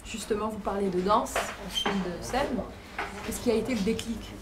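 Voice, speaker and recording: A female journalist asking follow-up questions in a brisk, friendly way. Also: mid-range voice, heavy background noise. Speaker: journalist, co-interviewer. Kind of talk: interview questions.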